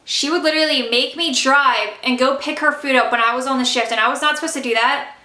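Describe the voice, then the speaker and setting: A young woman with a high, bright voice tells a casual storytime vlog. She is emphatic and fired-up, and she talks fast with lots of fillers. The sound bounces around an echoey room. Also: fairly even intonation. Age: young adult. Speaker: vlogger.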